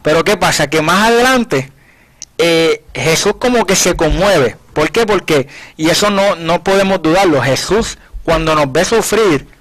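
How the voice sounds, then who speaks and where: A preacher on a Bible study program, heard on radio with poor audio, teaches earnestly and conversationally in a fairly high, slightly bright voice. Expressive and measured in pace, he acts out scripture scenes as quoted dialogue and frequently restarts phrases as he works through his point.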